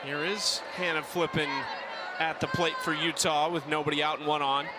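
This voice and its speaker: A man with a slightly high voice calls a live softball game, keeping a brisk play-by-play pace. A loud crowd and heavy noise come through under his commentary. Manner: brisk, calls plays with sudden excitement. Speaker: play-by-play broadcaster. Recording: broadcast booth over loud crowd and noise.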